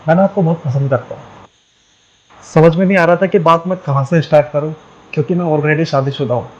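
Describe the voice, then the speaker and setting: A man playing a gentle, eager-to-please house helper who speaks politely and soothingly. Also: on the high side, fairly quick, dull audio, slight background noise, close to an everyday voice.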